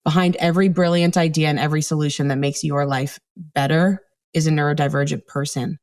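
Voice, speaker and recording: A woman's voice: deep voice, steady tone, a little fast, darkish tone. Blunt, playful woman coach. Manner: blunt, playful, acts out quoted tones. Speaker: communication coach, guest. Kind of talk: casual interview talk.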